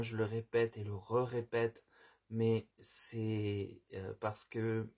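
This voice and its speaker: Guy doing a tarot reading, slow and kinda husky, lots of euh and restarts. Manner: hesitant, many fillers and restarts; earnest, heartfelt advice. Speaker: tarot reader. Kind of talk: casual spoken reading. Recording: quiet, low-level voice.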